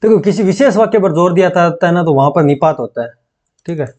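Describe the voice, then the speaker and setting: A man teaching an exam-prep grammar lesson, dictating slowly and repeating phrases so students can take notes, often checking in with them. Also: sits high, expressive, darkish tone.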